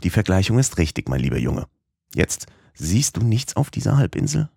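A man voicing a stern, excitable old professor in an audiobook, speaking in a raised, emphatic, lecturing way. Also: low-pitched, normal speed, gravelly, breathy edge, no echo, studio quality, voice pushed up, heavily acted. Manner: emphatic, lecturing, pushes eagerly ahead. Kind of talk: audiobook character voice.

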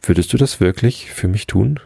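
A man's voice: fairly low pitch, moderate pace, vocal fry, warm tone, breathy edge, dry recording, studio quality. A man voicing a cheeky, defiant little male rabbit in a bedtime story.

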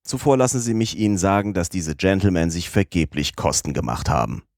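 A man voicing an excitable, loyal French manservant who talks indignantly and exclaims often. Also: low-pitched, fairly quick, gravelly, no room sound, studio quality.

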